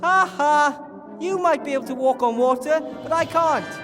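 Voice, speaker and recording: A man's voice: very high-pitched, moderate pace, a bit bright. An actor playing a wry, impatient young male gnome hero in a video game. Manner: wry, sarcastic. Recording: game audio with reverb and music.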